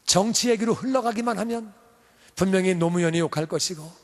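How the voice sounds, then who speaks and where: A male pastor preaching a sermon. He is animated and moves between loud emphasis and quiet asides. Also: high-pitched, brisk. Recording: long reverb of a church hall.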